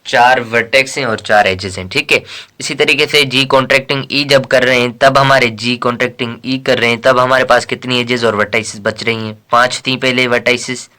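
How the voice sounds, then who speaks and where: Guy from pakistan doing a math lesson, bright voice, mid pitch, keeps saying theek hai. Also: steady tone, moderate pace. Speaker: math teacher. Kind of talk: casual lecture explaining textbook exercises.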